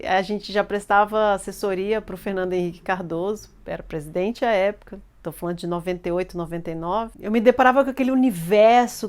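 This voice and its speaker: A woman, telling a personal life story in an animated way and acting out the people she quotes. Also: mid-range voice.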